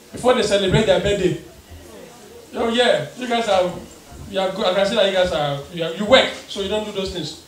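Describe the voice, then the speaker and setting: A young man with a Ghanaian English accent doing a stand-up comedy set, telling stories, playing the people in them and slipping into pidgin. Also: high-pitched. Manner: storytelling, acts out the people in his stories, mixes in pidgin. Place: live venue with an audience. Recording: echoey room, picked up from a distance.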